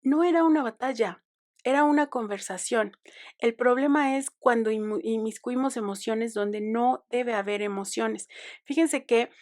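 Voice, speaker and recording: A woman's voice: on the high side, unhurried, darkish tone. A young Mexican woman hosting a podcast, telling a story in a chatty, digressive way with ironic asides. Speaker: podcast host. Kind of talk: casual monologue.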